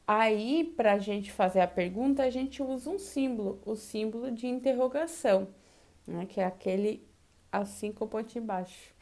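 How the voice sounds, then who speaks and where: Patient Brazilian teacher explaining slowly. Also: female voice, on the high side, darkish tone. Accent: Brazilian Portuguese. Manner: slow and explanatory, with exaggerated question intonation to demonstrate. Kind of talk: online Portuguese class lesson.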